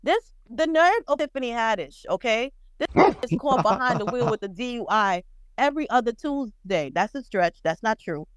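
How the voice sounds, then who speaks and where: A woman co-hosting a podcast, chatting bluntly and profanely about celebrity gossip with lively storytelling. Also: fairly high pitch, normal speed, smooth, dry recording. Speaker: podcast co-host. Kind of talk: casual pop-culture chat.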